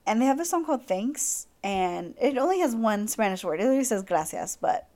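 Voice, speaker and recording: A woman's voice: fairly high pitch, lively intonation, fairly quick, darkish tone. Young woman podcast host, chatty and effusive, peppers every phrase with "like". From Latin America. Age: young adult. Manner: gushing, heavy use of "like". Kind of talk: casual storytelling monologue.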